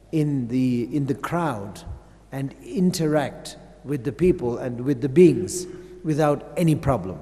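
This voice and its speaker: A man's voice: mid-range voice, dark tone. Hesitant man giving a dharma talk. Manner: halting, searching for words, many fillers and restarts. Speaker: Buddhist teacher. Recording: long hall reverb.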